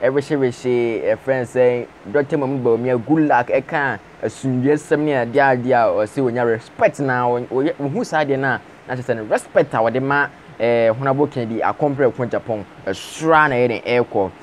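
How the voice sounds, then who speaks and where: A young man presents the news in a steady spoken commentary, with frequent fillers, recorded on an earphone mic in a small room. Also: medium pitch, normal speed, few pauses, slight background noise. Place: small indoor room with patterned wallpaper. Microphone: wired earphone mic, webcam framing.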